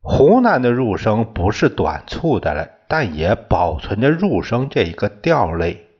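A man teaching a class in a slow, deliberate way, often restating his terms. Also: fairly low pitch, very animated, darkish tone, breathy edge. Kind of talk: lecture on classical poetry tones. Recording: dull lo-fi recording.

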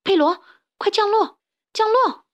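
A woman voicing a fiery, bossy young hen chick who shouts indignantly in a children's storybook. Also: high voice, expressive, normal speed, dry recording, highs cut off, voice pushed up. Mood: shouting.

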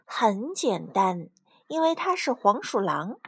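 A woman voicing a calm, sensible mother hen in a storybook, explaining and reassuring in a slow way. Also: mid-range voice, slightly rough, no room sound, clean studio sound, exaggerated voice.

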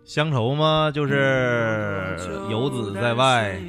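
A man's voice: mid-range voice, slow. A young man co-hosts a radio show, telling casual anecdotes. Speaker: radio co-host. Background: instrumental music.

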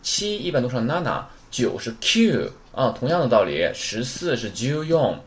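Chatty man teaching numbers, lively pitch. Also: normal speed. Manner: chatty, repeats numbers aloud, asks rhetorical questions. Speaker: Japanese teacher. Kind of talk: casual spoken lesson.

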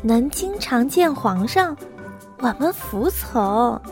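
A woman voicing a young palace concubine who flatters and pleads in a whiny way. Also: fairly high pitch, slow pace, faint music behind. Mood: eager. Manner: wheedling, pleading.

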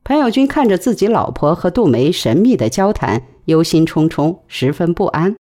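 A woman narrating a novel in an expressive storytelling manner. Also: on the low side, normal speed. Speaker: audiobook narrator. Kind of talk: novel reading.

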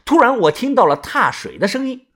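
A man narrating a first-person adventure story as an audiobook, in an animated storytelling manner. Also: extremely high pitch, fairly quick. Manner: animated first-person tomb-raiding tale telling.

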